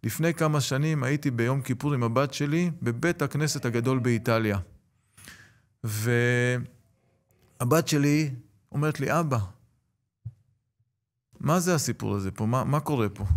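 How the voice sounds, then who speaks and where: A man's voice: medium pitch, pauses often. A middle-aged man, a rabbi and lecturer, telling stories in an interview and acting out the people in them. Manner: animated storyteller, acts out quoted voices. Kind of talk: storytelling in an interview.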